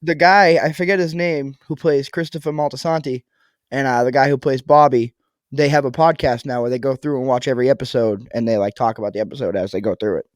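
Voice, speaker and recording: A young man co-hosting a podcast in casual banter, loud and joking, swearing often and laughing a lot. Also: medium pitch, fairly even intonation, quick pace, dry recording, clean studio sound. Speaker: podcast co-host.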